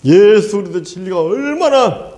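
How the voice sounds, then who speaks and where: A man preaching a sermon as pastor, animated and laughing often, asking the congregation for amens. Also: sits high, moderate pace, reverberant.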